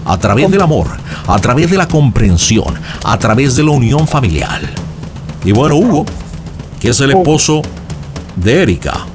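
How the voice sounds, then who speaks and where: A man's voice: mid-range voice, sing-song, normal speed, lightly acted. A man playing a dramatic psychic who reads cards and shells, asking sing-song leading questions. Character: theatrical male psychic reading cards and shells. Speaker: fortune teller on a call-in. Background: background music.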